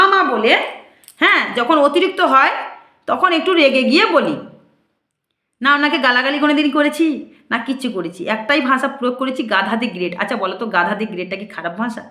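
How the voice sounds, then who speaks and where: A high-pitched woman in her thirties, speaking as a temple priestess and answering her critics. She talks in an indignant, questioning way, putting one rhetorical question after another to her viewers. Her voice rings around an echoey room. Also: sharp tone. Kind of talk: casual monologue to viewers.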